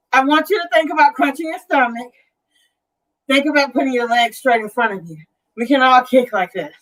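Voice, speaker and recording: A woman's voice: sits high, low-quality recording. A woman leading a workout as an aerobics instructor, calling out counts and cues in a directive, encouraging way. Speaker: fitness instructor.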